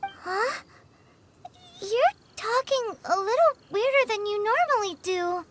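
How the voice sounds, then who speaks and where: A woman voicing a tiny, childlike, cheeky fairy companion with a squeaky voice in an overacted anime game dub. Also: animated, slow, full character voice. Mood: indignant, puzzled. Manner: squeaky, speaks of self in third person.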